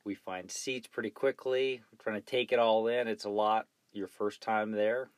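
A man with a fairly low voice tells a story in a relaxed, playful podcast conversation. He is wry and easygoing. The sound is dry and close. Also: normal speed, no room sound. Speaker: podcast co-host. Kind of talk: casual storytelling chat.

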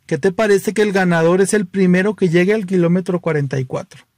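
A man's voice: high voice, fast, darkish tone, no room sound, clean studio sound, pitched above the performer's own voice, lightly acted. A man with a Mexican accent voicing a flamboyant, coquettish young man in plastic flip-flops, with a sighing singsong delivery. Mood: teasing.

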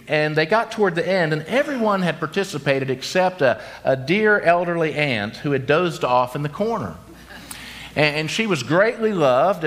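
Animated man in his fifties preaching. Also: on the high side. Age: 50s. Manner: animated storytelling, slows for emphasis. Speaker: pastor. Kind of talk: sermon.

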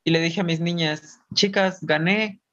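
A man's voice: on the high side, fairly even intonation, measured pace, bright, forceful tone, lo-fi sound. A man, acting out his own past thoughts. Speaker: interview guest, burlesque performer and dance teacher. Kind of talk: casual storytelling interview.

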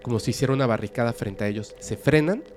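A man telling a dramatic story in a suspenseful, lively way. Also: mid-range voice, fast talker, music in the background. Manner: lively, suspenseful, with sudden loud bursts.

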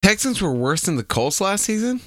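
A man's voice: high voice, big pitch swings, normal speed, fairly bright tone, no room sound, clean studio sound. A man casually chatting about football as a podcast co-host.

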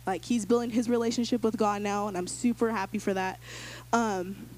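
A young woman giving a casual, animated personal testimony to a church group, acting out the voices in her story and using lots of filler words. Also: mid-range voice, normal speed. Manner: casual, filler-heavy speech.

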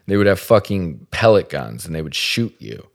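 Low-voiced man telling a story. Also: normal speed, vocal fry. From Salt Lake area, US. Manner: swears freely, animated and self-deprecating. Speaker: podcast host. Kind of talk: casual comedic storytelling.

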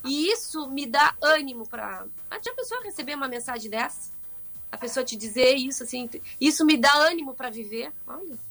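A woman's voice: high voice, normal speed, gravelly, soft background music. A middle-aged woman, a guest in an interview who talks expressively and at length, often restarting her sentences. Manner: expressive, talkative, frequent restarts. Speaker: guest, fashion seller and social media influencer. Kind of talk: animated conversational interview.

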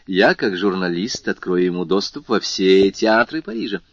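A man's voice: low voice, animated, normal speed. A man voicing a witty, sociable young journalist in an audiobook, with a plain, matter-of-fact delivery. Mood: wry. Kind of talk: audiobook character voice. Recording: slightly muffled lo-fi recording.

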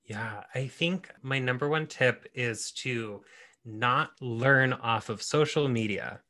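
A man's voice: mid-range voice, bright, forceful tone. A man talking as an author and guest in a casual interview, explaining earnestly and laughing easily.

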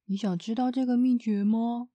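A woman voicing a kind-hearted male tramp in a storybook, speaking in a soothing, unhurried way. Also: mid-range voice, animated, dark tone, no room sound, highs cut off. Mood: gentle. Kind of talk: storybook reading.

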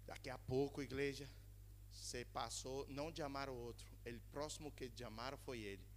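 A man's voice: mid-range voice, steady tone, moderate pace, a little hiss or hum. A male pastor from Brazil preaching a sermon to his congregation in a church in Spain, mixing Spanish words into his Portuguese and calling out to the people. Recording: long reverb of a church hall.

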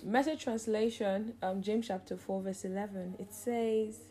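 Unhurried and mid-range in pitch, this Bible study host leads a devotional teaching with heartfelt sincerity. Her repeated phrases settle into a steady rhythm.

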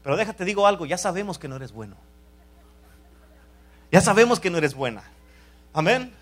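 Pastor, fairly high voice, lively preaching that rises to loud calls and drops to quiet asides. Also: male voice, normal speed. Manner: repeated "amén" calls to the congregation. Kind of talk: sermon.

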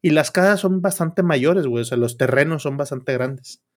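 A man with a Mexican accent spins a yarn on a podcast, swearing freely and scattering filler words through every sentence. His voice sits a little higher than most men's. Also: moderate pace. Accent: Mexican Spanish. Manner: profane slangy storytelling, constant filler words. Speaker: podcast co-host. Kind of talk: casual storytelling chat.

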